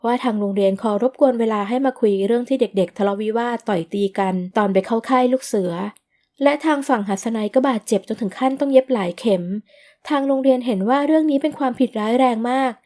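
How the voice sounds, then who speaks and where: A polite schoolteacher in her late forties, read by a woman narrator, speaking in a formal, measured way. Her voice is a touch higher than average for a woman, in a storybook drama. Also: dark tone, close to an everyday voice.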